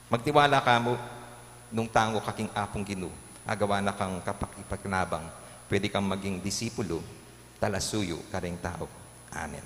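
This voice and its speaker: Kapampangan-accented priest, lively homily, echoey church reverb. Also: male voice, fairly low pitch, moderate pace. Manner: preaching with lively shifts, acting out jokes and quotes. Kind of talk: homily in a live-streamed Mass. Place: large church. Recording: echoey church with long reverb, faint hum.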